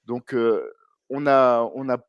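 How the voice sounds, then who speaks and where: A man's voice: medium pitch, fairly even intonation, slow pace, smooth, dry recording, highs cut off. A man co-hosting a podcast, chatty and hesitant with many fillers. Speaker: podcast co-host. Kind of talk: casual podcast chat.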